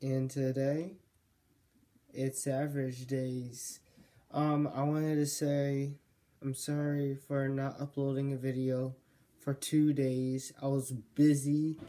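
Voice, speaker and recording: A male vlogger talking casually to his viewers in a rambling, jokey way, correcting himself often, his voice going hoarse. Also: medium pitch, warm tone. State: losing his voice. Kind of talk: casual vlog monologue.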